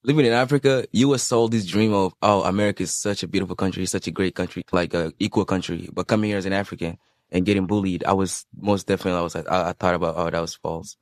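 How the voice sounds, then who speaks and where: A man's voice: low voice, steady tone, fast, no room sound, studio quality. A teenage boy from Sudan, interviewed for youth radio, speaking in an earnest, reflective way. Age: teens.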